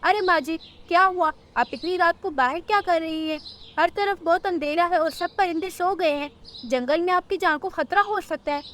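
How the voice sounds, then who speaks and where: A woman's voice: very high-pitched, moderate pace, fairly bright tone, slight background noise, pitched above the performer's own voice. A woman voicing a helpful male parrot who politely warns and means well, in a cartoon story. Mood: concerned. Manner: polite, warning, well-meaning.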